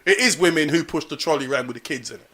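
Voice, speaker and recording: A man, co-hosting a podcast and chatting in a lively, laughing storytelling way. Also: on the high side, very fast, crowd noise. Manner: animated, laughing storyteller who acts out other people. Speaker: podcast co-host. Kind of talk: casual banter.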